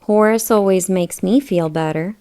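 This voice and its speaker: A woman narrates a children's storybook aloud from a script, posing questions to her young listeners. Her voice is medium-pitched and mellow, with a moderate pace.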